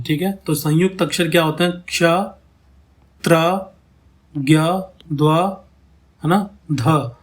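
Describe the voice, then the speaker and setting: A man teaching a lesson on counting syllables in ghazal poetry, explaining step by step and saying words over slowly to show how they sound. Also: on the high side. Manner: checks in often with "theek hai" and "hai na".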